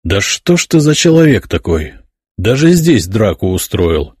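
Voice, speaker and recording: A man's voice: lowish voice, big pitch swings, measured pace, a little mellow, slightly rough, no room sound, studio quality, full character voice. A man voicing a stern prince who speaks reproachfully to his son. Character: stern ruling prince and father.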